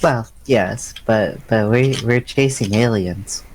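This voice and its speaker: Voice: medium pitch, slow, darkish tone, slight background noise. A bubbly, giggly player in a tabletop role-play game.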